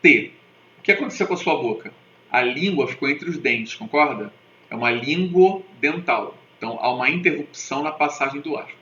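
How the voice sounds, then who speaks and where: A man's voice: mid-range voice, lively intonation, brisk, fairly bright tone. A male teacher giving a recorded literature lesson, explaining step by step and often checking in with his viewers. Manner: didactic, keeps checking in with "tá?" and "né?"; spells out sounds and has viewers repeat them. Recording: echoey, dull lo-fi room recording with faint noise.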